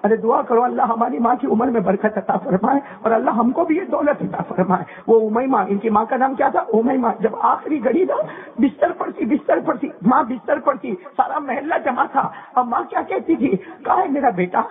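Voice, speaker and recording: A man with a very high voice delivers a fervent storytelling sermon. He repeats his lines and climbs into shouts as he calls on his listeners to answer him. The sound is thin and tinny, as if it came down a phone line. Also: lively intonation. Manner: fervent and repetitive, often rising to shouts and calling on listeners to respond. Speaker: preacher.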